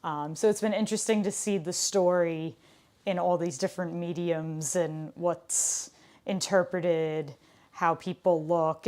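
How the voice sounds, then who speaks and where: A woman's voice: fairly low pitch, darkish tone. A woman leading a livestreamed Pilates class, chatting casually and upbeat, correcting herself as she goes. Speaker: Pilates instructor. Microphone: livestream camera mic.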